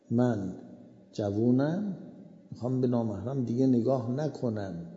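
A man giving a slow, repetitive moral sermon as a cleric. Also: mid-range voice, dark tone. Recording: echoey hall, dull lo-fi sound.

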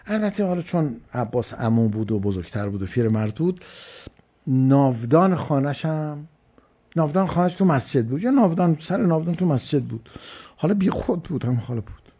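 A man's voice: on the high side, lively intonation, warm tone, slightly rough, highs cut off. A man preaching a religious lecture, telling stories and repeating phrases for stress. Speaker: cleric.

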